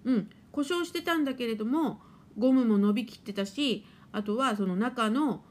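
A darkish but somewhat high female voice at an ordinary pace belongs to a middle-aged spiritual therapist running a casual stream. Between laughs she reads out viewer comments and hams it up as her washing machine.

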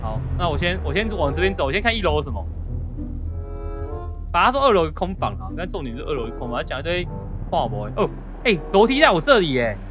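A woman's voice: deep voice, big pitch swings, fast talker. A woman streamer chatting casually as she plays a horror game. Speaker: gaming streamer. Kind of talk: casual chat while playing a horror game. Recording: dull lo-fi audio, game music behind.

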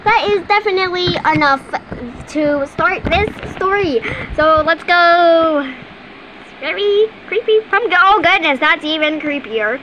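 A woman with an extremely high, bright, forceful voice chats casually and giggles while gaming at home at her computer, speaking unhurriedly with lots of ums. The audio is dull and carries slight background noise.

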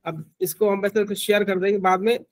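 A man's voice: sits high, fairly even intonation, brisk. A man teaching acupressure in an online class, explaining informally with frequent restarts and fillers.

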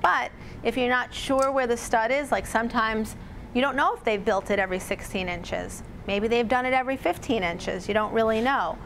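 Woman, forties, fairly high voice, casual chatty demo, lapel mic, small audience, faint room hum. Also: normal speed, gravelly, a bit bright. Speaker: home repair demonstrator. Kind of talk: live workshop demonstration.

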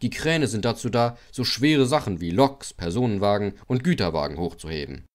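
A man voicing a calm engine driver in an audiobook, explaining things patiently. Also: on the low side, a little fast, lightly acted. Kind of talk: audiobook character voice.

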